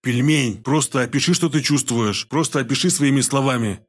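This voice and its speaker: A man's voice: mid-range voice, fairly quick, husky, lightly acted. A man voicing a shrewd healer of a gang who gives curt, hissing orders. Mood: impatient.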